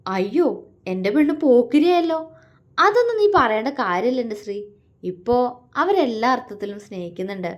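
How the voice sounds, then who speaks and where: A woman voicing a tender, teasing young husband in a love story, speaking softly and affectionately. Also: moderate pace, close to an everyday voice. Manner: soft, affectionate, low-key. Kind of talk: storytelling dialogue.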